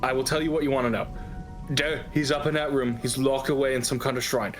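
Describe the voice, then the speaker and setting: A man's voice: medium pitch, fairly even intonation, quick pace, soft background music, lightly acted. A man voicing a cowardly male crossbow guard who surrenders, talking in a frantic, pleading way.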